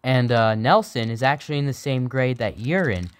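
A man's voice: mid-range voice, expressive, normal speed, close to an everyday voice. Man as a neighbor dad sock puppet, goofy, blunt, touchy, homemade comedy. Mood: friendly.

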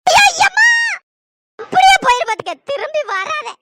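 A woman's voice: big pitch swings, normal speed. A woman voicing a group of squabbling village women in a cartoon, all whiny scolding banter. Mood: bickering. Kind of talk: cartoon voice acting. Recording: noisy pitched-up processed voice.

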